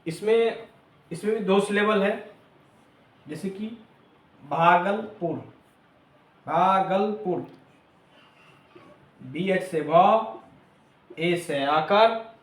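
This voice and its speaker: A man's voice: sits high, slow, pauses often, echoey room. A man teaching a lesson, spelling letters out one by one. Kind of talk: classroom lesson.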